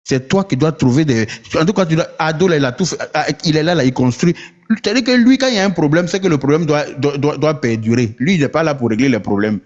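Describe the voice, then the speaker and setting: An online commentator from Côte d'Ivoire launches a heated political rant at his viewers, stammering, repeating words, and firing off rhetorical questions. His fairly high, darkish voice is expressive and quick, and the recording sounds muffled.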